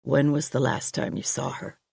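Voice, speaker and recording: A woman voicing a calm, dry male police chief in an audiobook, lowering and quieting her voice. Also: gravelly, husky, no echo, exaggerated voice. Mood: measured. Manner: low, quiet and measured.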